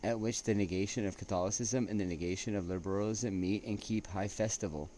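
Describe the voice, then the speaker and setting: A vlog host with a low, dark voice and fairly even intonation rambles in casual chat, mixing asides with read-out quotes. He is laid-back and halting, often checking in with "right?" and "you know." The recording is clearly noisy with ambient sound.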